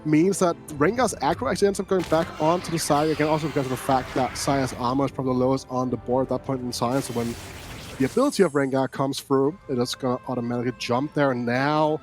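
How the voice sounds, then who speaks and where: A man's voice: medium pitch, fairly even intonation, quick pace. Analytical esports caster, man, chatty fillers. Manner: talks it through with many "like" and "right?" tags. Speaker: esports color commentator. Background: faint background music.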